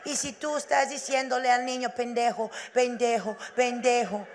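A woman voicing a female school psychologist who lectures slowly and softly. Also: a little high, steady tone, a little hiss or hum, natural voice. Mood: lecturing. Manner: slow, measured, soft-spoken, preachy.

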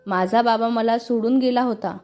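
A woman's voice: on the high side, fairly even intonation, moderate pace, darkish tone, faint music behind, natural voice. A woman voicing a young woman who tenderly confides her grief over her late father, in a storybook reading. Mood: grieving. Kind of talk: storybook dialogue.

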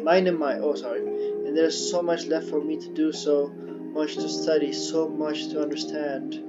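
A man reading aloud the lines of a woman scientist exploring an alien ocean, slow and earnest, with halting restarts. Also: on the high side, little pitch movement, natural voice. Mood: reflective. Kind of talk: reading game dialogue aloud. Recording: dull lo-fi audio with game music.

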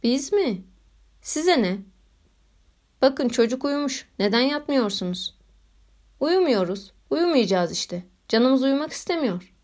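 A woman's voice: sits high, expressive, takes it slowly, pauses often, darkish tone. Give me a brusque young man snapping out orders, as a woman storyteller puts him on. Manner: snapping, gruff outbursts.

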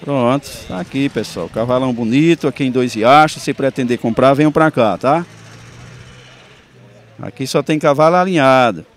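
A man's voice: mid-range voice, moderate pace. A man hosting casual street interviews at an outdoor livestock fair. He talks in a chatty, upbeat way and speaks straight to his viewers. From Sergipe, Brazil. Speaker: host of a rural culture channel. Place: outdoor dirt fairground with animals. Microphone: handheld mic, phone camera.

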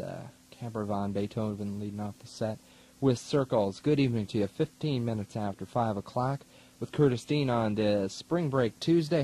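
Heard on a rough 1980s college radio aircheck tape, a young adult American student DJ chats in the studio and introduces music with a wry, casual air. His voice is lowish and dark.

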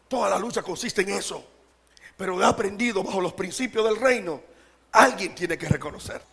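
High-voiced animated male preacher. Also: brisk, gravelly, slightly rough. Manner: animated, calls out to the congregation, asks rhetorical questions; humorous, laughs often. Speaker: pastor. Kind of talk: preaching sermon to a congregation.

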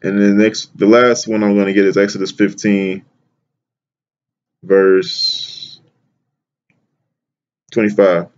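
A man reading Bible verses aloud and explaining them in a casual, slangy, excited way, often repeating words and calling the listener "man". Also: fairly low pitch, slow pace, pauses often, dull audio. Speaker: bible teacher. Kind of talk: casual scripture reading and commentary.

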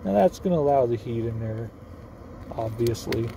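A young man vlogs himself cooking on a camp stove inside a parked car, rambling and joking at his own expense in an offhand, self-mocking way, like a casual how-to. His voice is mid-range and animated with some vocal fry, at a normal speed. The phone sits close by, and the sizzling stove makes the background noisy.

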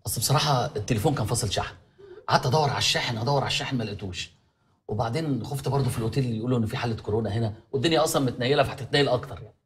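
An actor as an easygoing Egyptian suitor who jokes and rattles off long, rambling excuses very fast in a mid-range voice. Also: male voice, mid-range voice, slight background noise, close to an everyday voice. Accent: Egyptian Arabic. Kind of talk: TV sitcom acting.

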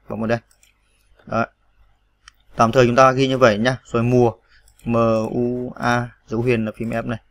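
A man narrating a screen-recorded typing tutorial, patiently spelling out letters one by one with many fillers. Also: mid-range voice.

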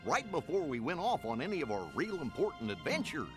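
An actor voicing a good-natured, bumbling cartoon dog with a folksy, earnest manner in a video game. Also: male voice, fairly high pitch, very animated, fairly quick. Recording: game cutscene with music behind.

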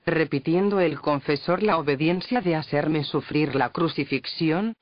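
A man reads a devotional text in a measured, reverent manner, announcing numbered entries and dates. His voice sits a little high. The recording is dull and lo-fi, with a close, dry sound and no echo. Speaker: reader. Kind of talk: devotional book reading.

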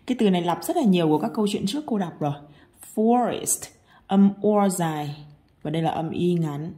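A woman teacher with a Vietnamese accent, reading a picture book aloud slowly and coaching pronunciation, with soft whispered repeats. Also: fairly low pitch, expressive. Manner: slow, drawn-out reading with soft whispered echoes. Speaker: English teacher.

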